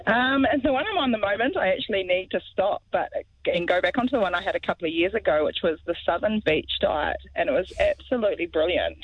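A woman's voice: medium pitch, expressive, quick pace, breathy edge. A woman chatting casually as a caller to a radio show over the phone. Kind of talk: casual chat. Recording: dull phone line on radio.

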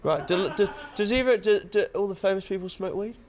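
A man's voice: high voice, a little hiss or hum. A man with a New Zealand accent co-hosting a radio interview, playful and teasing. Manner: playful, teasing, quick questions. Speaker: radio co-host.

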